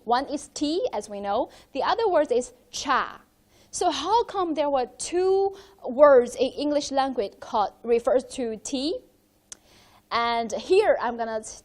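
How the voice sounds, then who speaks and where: A woman from China with a notably high voice leads viewers through a museum exhibition hall. She talks in a relaxed, conversational way and keeps turning to her audience with questions as she points out the displays. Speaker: presenter guiding a museum tour. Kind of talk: live museum walkthrough.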